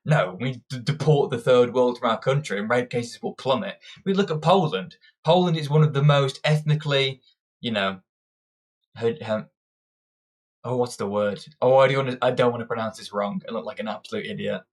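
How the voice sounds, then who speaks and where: Speaking at normal speed with a medium-pitched voice, this young political commentator from Britain rants through a combative, opinionated monologue. His sentences often break off and start over.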